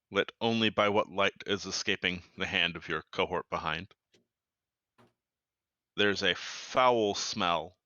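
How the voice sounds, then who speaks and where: A man's voice: low-pitched, bright, forceful tone, no echo, muffled recording. A man running a tabletop game as game master, describing scenes playfully.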